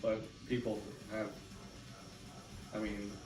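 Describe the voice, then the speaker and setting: A man casually talking in an interview, relaxed and reminiscing. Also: on the low side, slow pace. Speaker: band vocalist. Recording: roomy, distant mic, music behind.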